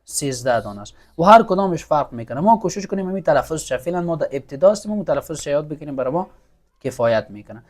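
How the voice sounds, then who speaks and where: A man's voice: on the high side, big pitch swings. A man teaching Quran recitation, patiently drilling letter sounds for students to repeat and praising them. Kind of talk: classroom lesson, call-and-repeat drills.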